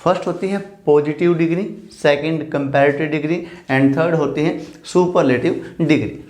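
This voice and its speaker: A man's voice: fairly high pitch, steady tone, normal speed, darkish tone. A male English teacher giving a classroom grammar lesson, spelling out words letter by letter and often checking in with "theek hai". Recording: echoey room.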